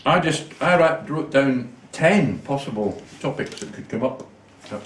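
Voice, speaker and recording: A man's voice: medium pitch, lively intonation, unhurried, far from the mic. A chatty man hosts a casual panel discussion, steering his guests back on topic. He sounds a little way off the mic in a roomy space. There is a faint hiss under his voice. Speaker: host of a political review panel.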